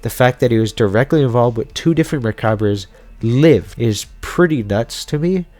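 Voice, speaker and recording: Over background music, a man hosting a video casually explains and speculates about various theories in an informal style. His medium-pitched voice is a little mellow and animated, at a moderate pace.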